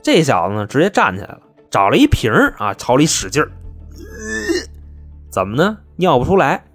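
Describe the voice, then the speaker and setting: A man's voice: medium pitch, wildly swooping pitch, moderate pace, fairly bright tone, soft background music. A man telling a comic crime story in a chatty, punchy, colloquial way.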